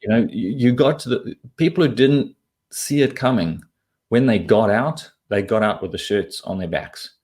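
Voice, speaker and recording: A man from southern Africa, working as an investment commentator, gives his opinions during an interview in which he is the guest. His voice is lowish and darkish at a normal pace, and he talks bluntly and informally, swearing casually.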